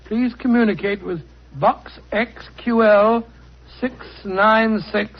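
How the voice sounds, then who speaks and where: An actor playing a bluff, genial English gentleman doctor and loyal sidekick in a 1940s radio drama. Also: sits high, steady tone, takes it slowly. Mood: explanatory. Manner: blustery, genial. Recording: muffled vintage radio recording.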